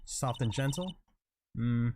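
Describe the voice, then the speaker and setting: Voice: medium pitch, slow, background noise. A game streamer giving casual let's-play commentary, musing and questioning aloud while trying out character voices.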